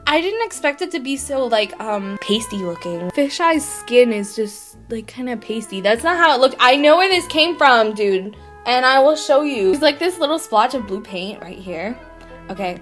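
An excitable woman chatting through an unboxing for her vlog, her voice sitting a little high. She swears freely and peppers nearly every phrase with "like." Faint music plays underneath. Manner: excitable, swears a lot, says "like" constantly. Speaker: vlogger. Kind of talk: casual unboxing chat.

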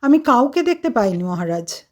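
A woman's voice: on the high side, very animated, moderate pace. A woman voicing a skeptical young man who insists in a raised voice, in a devotional story. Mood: insistent. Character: skeptical young man, stubborn then awed.

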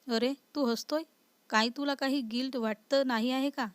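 A woman's voice: sits high, fairly even intonation, moderate pace, smooth, dry recording, natural voice. A woman voicing a sulky, touchy young wife. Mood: indignant. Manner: indignant, sulky.

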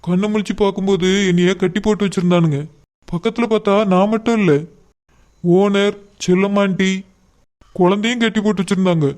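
A man's voice: high voice, steady tone, fairly quick, darkish tone, close to an everyday voice. A man voicing a doting young father, soothing and determined. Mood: telling.

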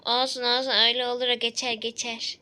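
Woman doing a bossy dentist, bright voice, short clipped orders, faint hiss in the room. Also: a little high, level tone, fairly quick. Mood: matter-of-fact. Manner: curt, bossy, sighing. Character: brusque impatient dentist. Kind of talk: toy role-play voicing.

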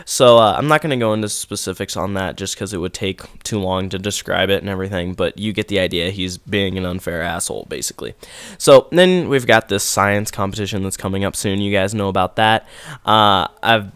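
Teen male gamer, congested sore-throat voice, lowish and smooth, dry close sound, subdued rambling delivery. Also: fairly quick, fairly bright tone, no echo. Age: teens. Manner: subdued, rambling, many fillers. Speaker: gaming video creator. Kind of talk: casual talk to camera over gameplay.

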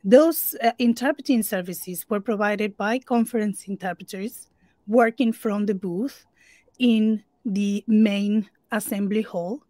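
Speaking English as an interpreter, an Argentine woman whose first language is Spanish gives an earnest conference talk via video call, dotted with fillers and restarts. Her voice leans high with a darkish tone, and there's no room sound.

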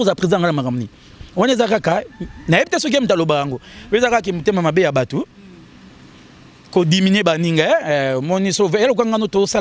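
High voiced guy chatting in an interview, gets all animated and jumps up in pitch. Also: slight background noise. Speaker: interview guest. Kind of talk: casual interview talk in Lingala and French.

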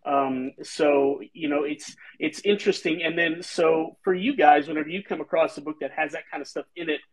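Hosting a casual video call from indoors in a home room, this author rambles thoughtfully, filling his speech with fillers. His slightly high voice has fairly even intonation and a moderate pace, and the recording is low quality.

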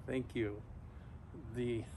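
A middle-aged man talking casually and haltingly to camera outdoors, shivering in ice-cold water, pausing often mid-thought. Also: medium pitch, flat delivery, vocal fry. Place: backyard, outdoors, in an ice bath. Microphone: camera a few metres away. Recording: noisy outdoor recording, ambient hum.

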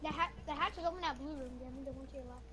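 A woman talking casually with her team during a game, excitable, hushing others and protesting. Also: high-pitched, rapid-fire. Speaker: gamer. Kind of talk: casual team chat while playing. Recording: game audio with noise behind.

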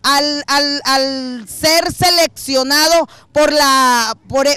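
A middle-aged Venezuelan woman hosts community TV, interviewing people outdoors on a street with a handheld mic. She's effusive and fervent and repeats herself, with a high, pushed, bright voice and no room sound.

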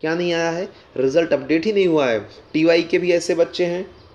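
A man's voice: a little high, a little fast, darkish tone, dull audio. A man, talking casually to viewers as he explains education news and reads out news excerpts. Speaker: education news video host.

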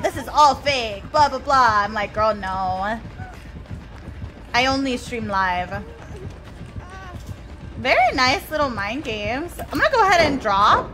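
Streaming gameplay live, a woman from Mexico, a native Spanish speaker, chats freely and responds to her viewers' messages as she plays. Her voice is a little high with a fairly bright tone.

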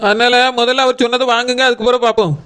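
Woman voicing a quick young village relative. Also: on the high side, little pitch movement, fairly bright tone, smooth, lightly acted. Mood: impatient. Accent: Tirunelveli Tamil. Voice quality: hurried, practical. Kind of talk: cartoon voice acting.

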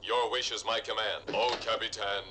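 An actor playing a dutiful, literal-minded male robot in a 1960s TV sci-fi series, speaking in a flat, mechanical robot voice. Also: lowish voice, moderate pace, background noise, close to an everyday voice. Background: loud orchestral music.

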